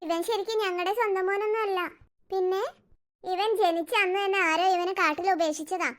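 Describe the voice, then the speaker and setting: A woman voicing the calm mother of a ghost child in a cartoon, explaining in a matter-of-fact way. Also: extremely high pitch, fairly quick. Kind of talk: cartoon voice acting.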